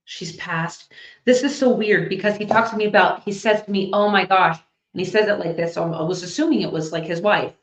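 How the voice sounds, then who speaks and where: A woman working as a psychic medium, giving a live reading to an audience and thinking out loud as she passes on messages. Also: fairly low pitch, brisk. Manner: chatty, thinks out loud while relaying messages. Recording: echoey, slightly dull recording.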